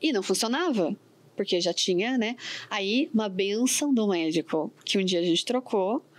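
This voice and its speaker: A chatty woman on a podcast, talking through her work and her own stories. Her voice sits in an ordinary middle register, and she speaks in a lively, conversational way. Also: mid-range voice, normal speed. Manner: chatty, animated storytelling.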